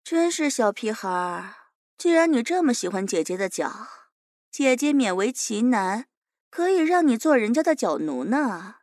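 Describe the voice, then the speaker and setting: A woman's voice: a little high, big pitch swings, normal speed, darkish tone, no echo, studio quality. A woman voicing a fearless, smug young captive who teases her interrogator and calls herself big sister, in an audio drama. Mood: mocking.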